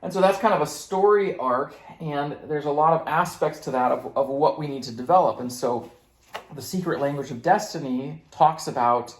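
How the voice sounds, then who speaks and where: A man's voice: a little high, normal speed, reverberant. A man hosting a casual conversation, explaining ideas at length with many fillers and playfully acting out quoted voices. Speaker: host.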